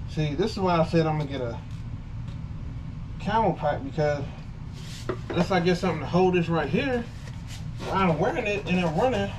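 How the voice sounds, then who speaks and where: Casual male gear vlogger talking through a gas mask, laid-back, rambling; distant mic, noisy background. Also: high voice. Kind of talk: casual product demo.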